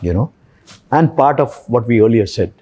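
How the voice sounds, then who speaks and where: A man's voice: medium pitch, animated, moderate pace, mellow, breathy edge. A man from India with an Indian accent, speaking as a podcast panellist who asks and answers his own questions.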